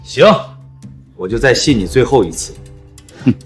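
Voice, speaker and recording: A man's voice: mid-range voice, normal speed, faint music behind, natural voice. A man playing an impatient, threatening crooked boss, scornful and stern, in a short drama. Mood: menacing. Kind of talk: short drama villain acting.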